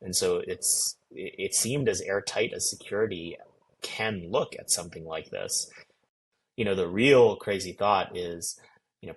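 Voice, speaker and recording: A man giving an eyewitness account in an interview, speaking in a measured, reflective and articulate way. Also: low-pitched, slightly rough, poor audio. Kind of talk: recounting events in an interview.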